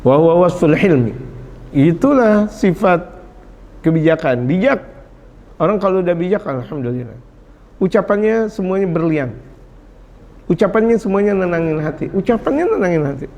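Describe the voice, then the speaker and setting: Lively high-voiced preacher. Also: male voice, moderate pace, pauses often. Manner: lively, jokes and acts out scolding parents. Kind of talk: sermon.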